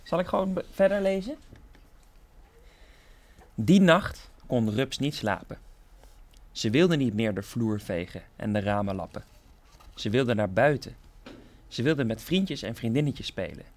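A man from a theatre group calmly reading a children's story aloud with gentle expression. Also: medium pitch, unhurried, pauses often.

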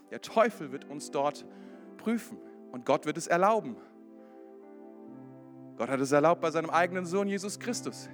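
A man preaching a sermon to a congregation, swinging from loud exclamations to quiet, earnest appeals. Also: high-pitched. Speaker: pastor. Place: church hall before a congregation. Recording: with background music.

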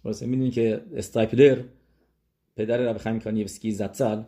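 A man teaching a religious lesson, asking the listeners questions and answering them himself, thinking aloud with hesitations and restarts, and rising sharply in pitch and volume to stress a point. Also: steady tone, mellow. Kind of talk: religious lesson on scripture and numerology.

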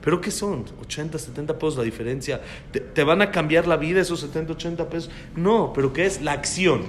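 A man teaching a religious class, animated and repeating phrases for emphasis as he tells personal anecdotes. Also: a little high, brisk, slight background noise.

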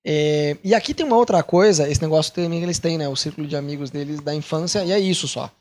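A Brazilian man with a Brazilian Portuguese accent, a missionary talking casually to the camera, animated and repeating words for emphasis. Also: fairly high pitch, fast talker.

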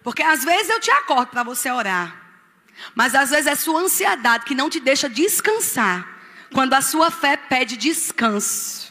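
A woman preaching a restless, fast-moving testimony that rises into shouted preaching. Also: high-pitched, animated, in a large hall. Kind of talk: testimonial sermon.

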